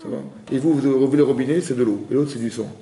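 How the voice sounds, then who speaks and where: Fast-talking rabbi teaching a class. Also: male voice, medium pitch, dark tone, roomy sound. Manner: rapid, questioning, with acted cries. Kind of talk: lively interactive Torah lesson.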